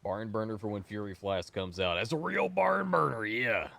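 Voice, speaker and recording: A man's voice: on the low side, normal speed, vocal fry, sharp tone, no echo. A sick, stuffy man casting a game tournament on a live stream, chatty and playful and prone to wandering off topic. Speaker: esports tournament caster. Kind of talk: casual live-stream commentary.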